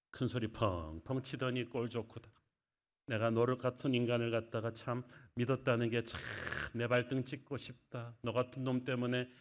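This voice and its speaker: A man's voice: mid-range voice, natural voice. A preacher voicing a bitter, betrayed man scolding a friend who let him down. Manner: scolding, reproachful.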